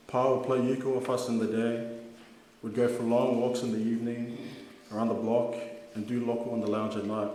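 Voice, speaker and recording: Young guy reading a family eulogy, halting n sincere, big echoey hall, some noise. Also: medium pitch, darkish tone.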